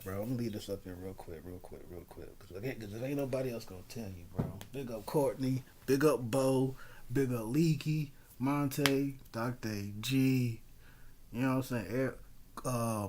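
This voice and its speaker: A man's voice: medium pitch, normal speed, slight background noise. Man, casual streamer. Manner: conversational, peppered with slang and shout-outs. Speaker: livestream host. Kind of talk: casual livestream chat, slangy.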